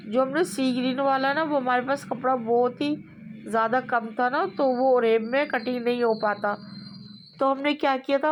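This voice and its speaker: Lady talking thru a sewing tutorial, bit high voice, easygoing and repetitive. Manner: relaxed, repetitive, hesitant with fillers. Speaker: sewing instructor. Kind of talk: step-by-step tailoring tutorial.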